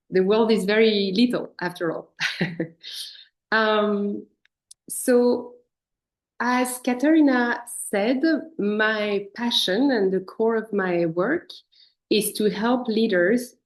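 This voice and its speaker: A woman who coaches leaders gives a guest talk to a church congregation, speaking remotely over a video call in a reflective way that invites listeners to think about their own lives. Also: on the low side.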